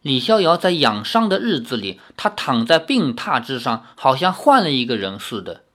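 A storyteller reading a novel aloud, expressive, dropping low and soft on the sad passages. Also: moderate pace. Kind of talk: read-aloud novel narration.

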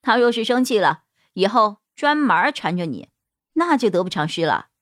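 A woman storyteller voicing a male shop boss who talks in a lowered, coaxing, soothing way. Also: very animated, moderate pace, no room sound, studio quality, close to an everyday voice. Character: gruff flustered male shop boss, gentle underneath.

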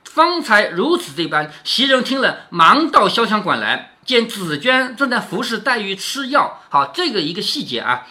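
A man reads a classic novel to his daughter at home and stops often to explain it in plain, chatty terms. His pitch moves a lot, and he drops low for quick check-in questions. The tone is bright and forward. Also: sing-song. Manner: chatty, keeps asking "right?" with a dropping tag. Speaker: father reading to his daughter. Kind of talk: storytelling with casual commentary.

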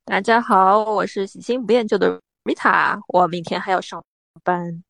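A woman's voice: mid-range voice, fairly even intonation, normal speed, gravelly, fairly bright tone, dry recording. A woman chatting casually as one of a group on a talk show. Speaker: podcast guest.

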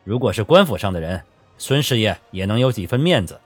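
Brief: man reading a measured storybook merchant, husky, assured. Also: lowish voice, very animated, no room sound, faint music behind. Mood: assuring. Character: well-connected male merchant offering help.

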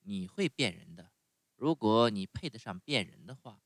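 A man voicing a gentle, motherly fairy woman in a calm, soft way of speaking. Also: fairly low pitch, moderate pace, no room sound.

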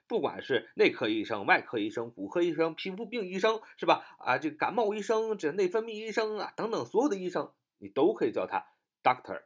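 A man teaching English vocabulary, spelling each word letter by letter, repeating it, and tagging his phrases with a drawn-out "ah". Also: on the high side. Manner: ends phrases with a drawn-out "ah" particle. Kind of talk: vocabulary lesson.

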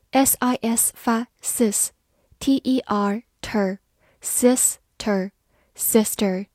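A young woman teaching English vocabulary in a scripted lesson, spelling each word letter by letter and reading example sentences slowly. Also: medium pitch, a little mellow, no echo, clean studio sound.

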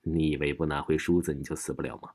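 A man's voice: extremely low pitch, flat delivery, fast talker, darkish tone, pitched below the performer's own voice. A man putting on a vengeful mirror ghost woman. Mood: menacing. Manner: coaxing, then shrieking commands. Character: vengeful female hair-combing ghost in a mirror.

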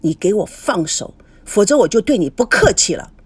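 A woman's voice: mid-range voice, very animated, normal speed, breathy edge. A woman voicing a restrained young Beijing woman. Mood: cold anger. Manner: quiet, restrained, cold. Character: young Beijing woman, composed but fierce when pushed.

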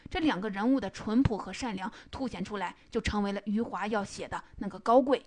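A woman retelling and analyzing a novel in a measured, explanatory storytelling manner. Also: mid-range voice, darkish tone. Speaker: book commentator.

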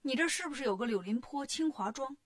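A brash monkey king hero, as a woman storyteller voices him, snapping out orders in a brisk, direct way. The voice stays near the teller's own, fairly high. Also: animated.

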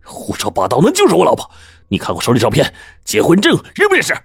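A man voicing a frantic young male translator who shouts in high bursts while telling a story. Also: wildly swooping pitch, fast talker, vocal fry, husky, no room sound, clean studio sound, exaggerated voice.

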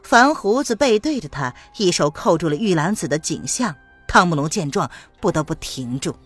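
A woman narrating a martial-arts novel aloud as an audiobook, with expressive storytelling. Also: fairly low pitch, normal speed, slightly rough, faint music behind.

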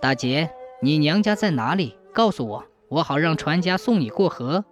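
A woman voicing an upright, kind-hearted young man who speaks in a steady, earnest way in a storybook tale. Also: deep voice, normal speed, soft background music, voice pushed down. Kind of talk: storybook narration.

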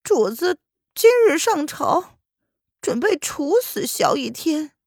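A woman's voice: high-pitched, very animated, slow pace, creaky, darkish tone, no echo, clean studio sound, voice pushed up, heavily acted. A woman voicing an anxious, loyal male palace servant who speaks earnestly to his mistress. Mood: urgent pleading. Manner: pleading, earnest.

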